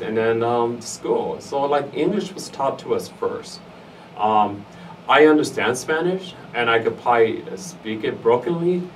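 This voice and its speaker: A middle-aged man with an East L.A. accent giving conversational interview answers, emphatic and given to repeating phrases in lists. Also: mid-range voice. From United States, East Los Angeles area. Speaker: interviewee, fraternity alum. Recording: noisy, distant mic, room ambience.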